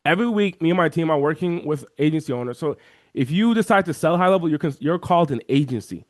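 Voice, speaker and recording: A man talking as an interview guest, walking through software on a shared screen and acting out the voices of chat viewers. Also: a little high, quick pace, no echo, studio quality. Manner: animated, acts out quoted chat voices. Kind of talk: energetic screen-share walkthrough.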